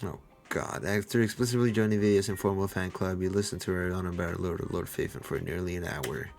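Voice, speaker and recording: A man's voice: low-pitched, steady tone, fairly quick, creaky, a little mellow. A man streaming a story game live, joking and talking back at the characters in slang. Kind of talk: casual live-stream commentary over a game.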